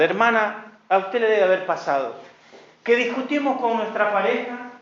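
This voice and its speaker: A pastor delivers an earnest sermon and keeps calling his listeners brother and sister. His voice sits fairly high for a man. The sound is dull and rings through a reverberant church hall. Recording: echoey, dull church recording.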